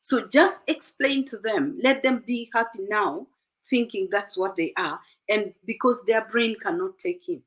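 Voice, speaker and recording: A woman's voice: medium pitch, unhurried, poor audio. A middle-aged woman from Uganda, a guest in an interview, earnestly giving advice and acting out conversations with her children.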